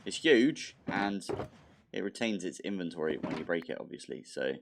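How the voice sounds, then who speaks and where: A man hosting a modded Minecraft let's play casually commentates his block-building game, thinking aloud with mild exasperation and a slightly blocked nose. His low voice has lively intonation and vocal fry at a normal speed, over a noisy background.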